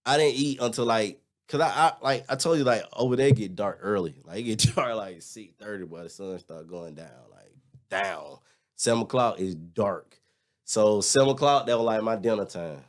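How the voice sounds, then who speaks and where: A man in his thirties chatting casually as a guest, telling animated stories full of restarts and filler words. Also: on the low side, normal speed. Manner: animated storytelling, lots of "like" and restarts. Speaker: guest, former teacher abroad. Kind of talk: casual chat.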